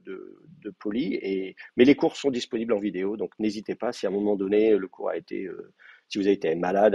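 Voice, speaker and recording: A man with a French accent gives a university lecture on biblical Hebrew in a classroom that is also streamed to remote students. His low, warm, slightly rough voice has vocal fry, and his delivery is hesitant, full of fillers and restarts. There's no echo.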